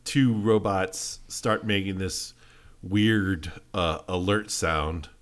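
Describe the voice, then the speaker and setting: Low-voiced man running a tabletop game. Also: fairly even intonation, slow. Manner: describes scenes with hesitant fillers. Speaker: game master.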